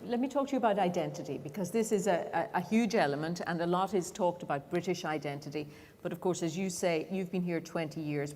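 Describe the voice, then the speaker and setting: A woman's voice: on the low side, darkish tone. A woman moderating a panel discussion, asking probing questions with hesitant restarts. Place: event hall. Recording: long hall reverb.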